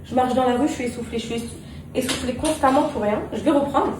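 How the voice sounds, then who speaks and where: Woman, casual home vlog, chatty with viewers, slightly high voice, echoey room, camera at a distance. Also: quick pace. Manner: chatty, addresses viewers as girls. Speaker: vlogger and mother. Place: home kitchen, indoors. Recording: echoey, noisy room, voice far from mic.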